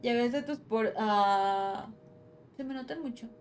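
A woman's voice: fairly high pitch, slow, a little mellow, slight background noise. A woman with a Mexican accent giving nervous, jumpy commentary while playing a horror game live and talking to her viewers.

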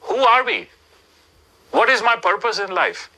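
A middle-aged man telling a story in an animated way, with rhetorical questions, in a studio interview. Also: high voice, measured pace, rough recording. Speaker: speaker in an interview clip. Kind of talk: storytelling talk. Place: indoors, plain studio backdrop.

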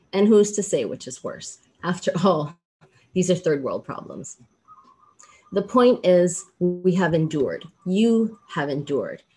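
A middle-aged woman from Hawaii, a law professor giving a formal commencement speech over a video call, earnest and measured with emphatic pauses. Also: fairly low pitch. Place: indoors, small room with plain backdrop.

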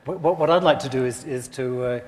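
An older man leads an onstage interview from an armchair, framing his questions hesitantly and repeating words. His voice sits in an ordinary middle pitch. A lapel mic picks him up, with long hall reverb around him. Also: fairly quick. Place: large theater stage, seated in armchair.

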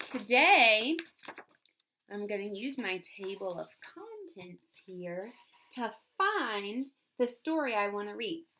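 Woman teacher, bright and slightly high voice, reads a storybook to first graders and pauses to explain. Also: slight background noise. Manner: explains words and asks the class questions. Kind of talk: reading a fairy tale aloud to young children.

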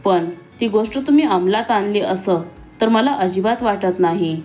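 Woman voicing a sharp-tongued young college girl. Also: mid-range voice, moderate pace, close to an everyday voice. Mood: spirited.

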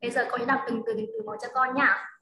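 A woman's voice: fairly high pitch, fairly even intonation, fast, bright, forceful tone, reverberant, slight background noise, rough recording. A woman teaching English to a child in a one-on-one online lesson, patient and coaxing as she repeats drills. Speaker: English tutor. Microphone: video call.

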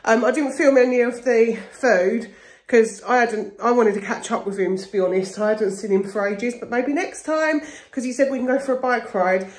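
A woman's voice: fairly high pitch, normal speed, dry recording. A middle-aged woman chatting casually and confidingly, rambling as she vlogs into a phone at arm's length. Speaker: vlogger. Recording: noisy handheld phone recording, ambient sound.

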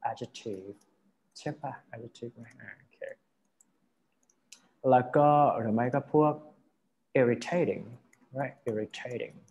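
A man's voice: medium pitch, very slow, long pauses, darkish tone. A man teaching an English vocabulary lesson, explaining word by word and often checking that his students follow.

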